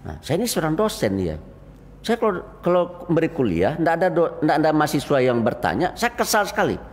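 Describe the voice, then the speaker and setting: Animated older man preaching in a mosque hall. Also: on the high side, fast. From Indonesia. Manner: animated storytelling, acting out quoted voices. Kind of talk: mosque sermon after dawn prayer. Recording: reverberant mosque hall, faint noise.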